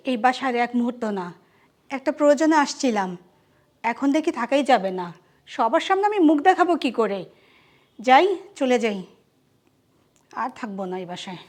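A woman playing a soft-spoken older sister who is wounded by a harsh welcome. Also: high voice. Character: hurt, soft-spoken older sister visiting her brother. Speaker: visiting elder sister. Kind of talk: short film acting.

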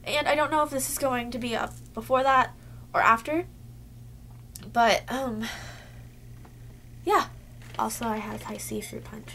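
A young woman's voice, a little high, bright and forceful, comes through unhurried, with long pauses and a slight hiss or hum. She's a beauty vlogger giving a casual haul chat to her webcam in a cluttered bedroom. She's a little sick and losing her voice, and "like" fills her talk.

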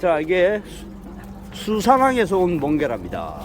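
A man's voice: fairly high pitch, wildly swooping pitch, moderate pace, noisy background. An older man chatting casually as a vlogger at his rural home, telling folksy stories and chuckling often. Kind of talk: casual vlog narration.

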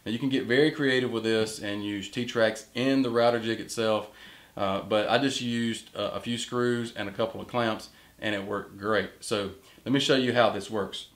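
A man's voice: on the low side, steady tone, moderate pace. Man explaining a woodworking jig. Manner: plain, step-by-step explaining while working with tools. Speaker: woodworking channel host. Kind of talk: hands-on workshop tutorial. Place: large indoor woodworking shop.

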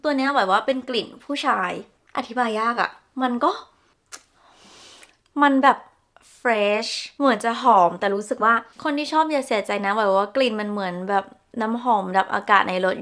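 A woman's voice: mid-range voice, fairly bright tone. A young woman chatting casually through a perfume review, descriptive and gushing, with polite particles. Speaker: beauty vlogger.

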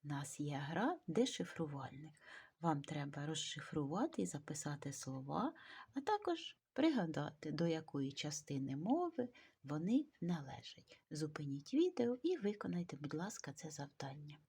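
A woman teaching a video grammar lesson, slowly dictating words with care. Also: low voice, big pitch swings, warm tone, breathy edge. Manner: slow, careful dictation of words.

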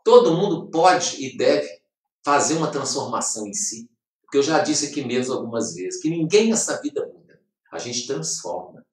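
An earnest man gives a motivational talk, repeating his points and speaking straight to the listener. His voice sits at an ordinary middle pitch. It sounds roomy and distant, picked up from well away from the microphone. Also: sing-song, moderate pace. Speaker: host of an inspirational program. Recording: echoey room, voice far from mic.

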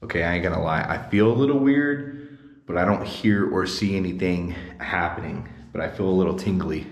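A man's voice: sits low, brisk. A man in his thirties filming a casual ghost-hunting vlog, talking in a slangy, uneasy way to viewers and spirits. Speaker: solo paranormal investigator, host. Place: abandoned jail at night, indoors and just outside. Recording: echoey empty building, faint noise.

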